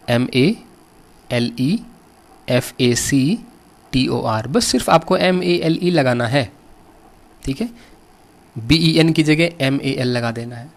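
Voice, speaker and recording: A man with an Indian accent teaching vocabulary at a deliberately slow, unhurried pace. He spells each word out letter by letter and keeps turning questions to his students, patient and steady throughout. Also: mid-range voice. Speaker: English teacher.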